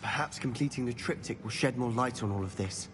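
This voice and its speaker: An actor voicing an eager young male wizard student in a video game, speaking brightly with wry asides. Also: medium pitch, a little fast, natural voice. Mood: curious. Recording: game audio with loud music and long reverb.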